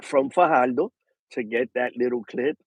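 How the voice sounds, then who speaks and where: A man telling a story in casual chat, animated and slipping into Spanish. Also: medium pitch, normal speed, no echo, low-quality recording. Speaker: boxing show guest.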